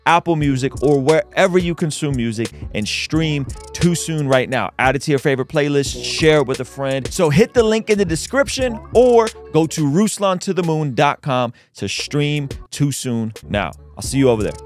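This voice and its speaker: A man's voice: fairly high pitch, normal speed, few pauses, faint music behind. A man giving casual, emphatic reaction commentary as a host, often repeating himself for stress. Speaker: host commenting on a video clip.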